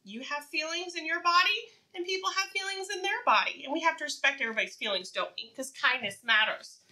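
A woman preschool teacher does an interactive read-aloud for young children, asking questions in an encouraging, sing-song way and pausing for their answers. Her voice is high-pitched, bright and forceful, and the recording quality is low.

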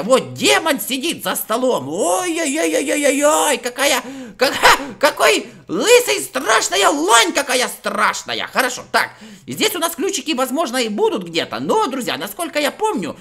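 A man doing excitable, giggly Let's Play commentary, talking to his viewers as friends and repeating a nonsense catchphrase. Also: very high voice, slightly rough. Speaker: gaming video host.

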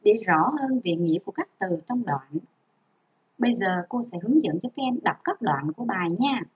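A woman teaching a first-grade reading lesson online, reading slowly and spelling out each sound for young children. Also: mid-range voice, lively intonation. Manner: slow, careful, drawn-out model reading and spelling out sounds. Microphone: home recording for an online class. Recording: dull lo-fi sound.

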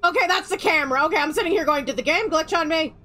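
A woman's voice: very high-pitched, quick pace, pushed and bright. A woman giving casual, chatty gameplay commentary in a playful, exclaiming way. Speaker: game streamer. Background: game music.

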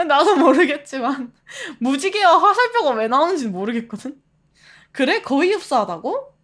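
A woman streamer chatting casually with her viewers, animated, laughing often and reading the chat aloud. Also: sits high, moderate pace.

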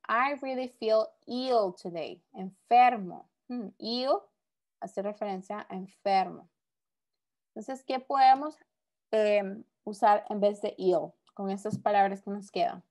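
A woman teaching a recorded English vocabulary lesson, explaining each word patiently and repeating it. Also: medium pitch.

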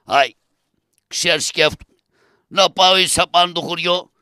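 Man voicing a slow, sighing old shepherd uncle for a shadow-puppet play; bright, clean tenor with a dry sound. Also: on the high side, fairly even intonation, clear, resonant tone, no echo. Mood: tender. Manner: rustic village speech with drawn-out sighs. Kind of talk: traditional shadow-puppet theatre.

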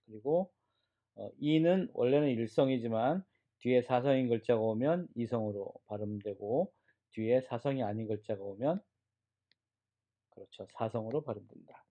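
A man's voice: mid-range voice, normal speed, dark tone, highs cut off. Korean man teaching Chinese tones. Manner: drills tones aloud, asks for repetition. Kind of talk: classroom lecture.

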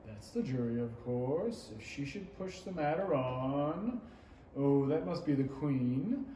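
Speaking slowly in a mid-range voice with lively intonation and a dark tone, a young adult man acts out a confused, smug king who hems and muses pompously. The 1930s-style radio play is recorded on a small theatre's indoor stage, echoing with faint noise.

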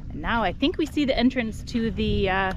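A woman's voice: fairly high pitch, normal speed. A woman in her forties chatting casually for a travel vlog on an island, filming herself with a handheld action camera. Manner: chatty, laughs often. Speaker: vlogger. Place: outdoors on an island beach and boat. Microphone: action camera held at arm's length. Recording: outdoor wind and water noise.

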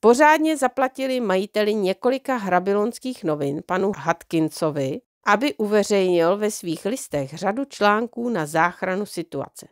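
A woman reading a children's book aloud in a calm, even storytelling manner, her voice slightly under the weather. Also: medium pitch, hardly any pauses, dry recording, studio quality. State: slightly unwell voice. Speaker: audiobook reader.

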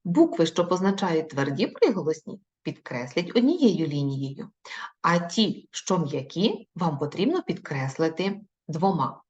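A woman teacher leads young children through a video lesson, slow and encouraging. Her fairly low voice swings widely up and down in a sing-song way. The recording sounds dull and lo-fi. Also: very animated, a little mellow. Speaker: primary school teacher.

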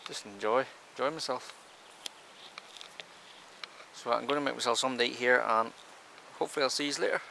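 A Northern Irish man in his thirties chatting casually to his camera while camping, relaxed and easygoing, recorded outdoors at arm's length. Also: mid-range voice, brisk, gravelly, pauses often, low-quality recording. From Northern Ireland. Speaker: camping vlogger. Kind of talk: casual vlog talk to camera. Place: outdoors in a rural campsite and in a car. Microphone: handheld camera at arm's length. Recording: outdoor camera audio with wind and background noise.

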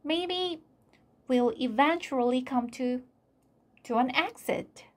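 A woman voicing an anxious young boy who tries to stay calm, with earnest, urgent storybook dialogue. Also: high-pitched, slow pace, pitched above the performer's own voice.

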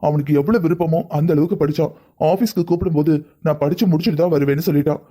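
A man voicing a kind older father-in-law who talks gently and reassuringly in a cartoon family drama. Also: a little high, fairly even intonation, racing, lightly acted. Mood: soothing. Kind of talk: cartoon voice acting.

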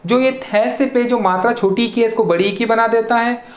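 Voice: mid-range voice, fairly even intonation, moderate pace. A teacher giving an exam-prep spelling lesson, who asks questions and then answers them, and spells words out syllable by syllable. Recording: echoey room.

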